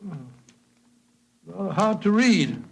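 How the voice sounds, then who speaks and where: An actor playing a loyal British gentleman doctor, blustering and easily astonished, in an old radio drama. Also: sits high, slow pace, creaky, heavily acted. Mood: amazed. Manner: blustering, exclamatory. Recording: vintage radio recording, faint noise.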